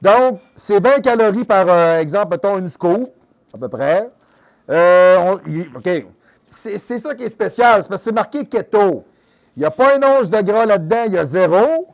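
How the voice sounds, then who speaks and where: A man's voice: high voice, expressive, moderate pace. A man hosting a fitness show in a Québécois French accent, mixing coaching with crude, teasing jokes. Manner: joking, crude, teasing asides; instructive coaching during exercise demo. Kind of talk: comedic fitness show monologue.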